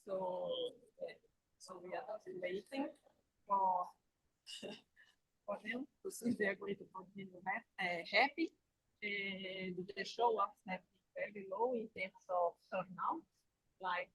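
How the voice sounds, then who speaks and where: A woman reporting live over a phone video call, her audio breaking up and cutting out, speaking haltingly. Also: medium pitch, fairly bright tone, breathy edge, low-quality recording. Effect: broken, cutting-out call audio with dropouts. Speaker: field reporter at an election count.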